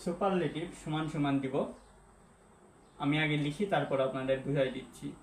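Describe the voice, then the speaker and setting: A man's voice: on the high side, normal speed. Echoey male teacher explaining at a whiteboard. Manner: repeats and spells out words, asks the viewer questions. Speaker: English teacher. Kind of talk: classroom-style lesson at a whiteboard. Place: classroom or room with a whiteboard. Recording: echoey room with faint background hum.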